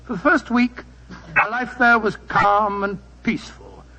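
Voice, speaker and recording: An actor playing a genial, rambling older English doctor who recalls adventures in 1940s radio style. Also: male voice, high voice, unhurried, background noise. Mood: reminiscing. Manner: avuncular, hearty, rambling storyteller. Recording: muffled 1940s radio broadcast recording.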